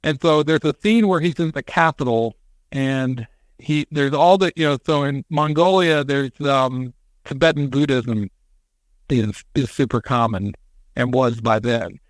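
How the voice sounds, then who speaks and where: A man on a podcast, retelling a story in casual chat, animated and acting out quotes with casual swearing. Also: mid-range voice, measured pace, no echo. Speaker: podcast co-host.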